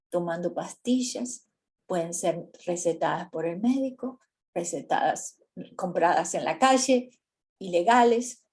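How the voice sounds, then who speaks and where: A woman gives a faith-based workshop on grief for other women. She speaks slowly in a mellow, soft-edged voice. Her delivery is calm, gentle and earnest, and she often pauses to put questions to her listeners. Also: medium pitch. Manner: calm, measured, asks the audience questions.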